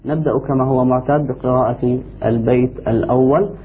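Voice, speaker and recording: A man hosting a recitation lesson, giving brief affirmations and reading verses aloud slowly. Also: medium pitch, fairly even intonation, a little hiss or hum. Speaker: host moderating the lesson. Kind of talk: lesson moderation. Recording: tinny phone-like sound.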